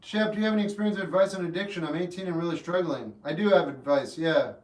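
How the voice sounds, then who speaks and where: Hosting a livestream, a fiftysomething man with a high voice talks fast, ambling casually through replies to his live chat before getting sincere when advice comes up. The mic sits far off, giving a roomy echo, and there's faint guitar music.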